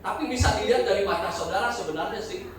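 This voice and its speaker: A pastor preaching a sermon in a church, joking and asking the congregation questions. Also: male voice, high-pitched, fast talker, a little hiss or hum. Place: church hall. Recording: very echoey hall, from a distance.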